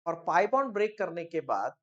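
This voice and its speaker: A woman with an Indian accent teaching a chemistry lesson, switching between Hindi and English, explaining step by step, repeating key phrases and checking in with "okay?" and "clear?". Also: fairly low pitch, very animated, very fast, lo-fi sound. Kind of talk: classroom lecture mixing Hindi and English.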